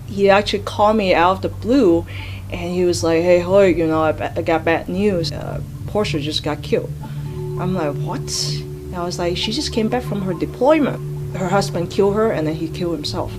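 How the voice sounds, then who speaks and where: A woman's voice: lowish voice, normal speed, music in the background. A woman navy veteran from Hong Kong speaking in an earnest, heartfelt way in an interview. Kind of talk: interview testimony.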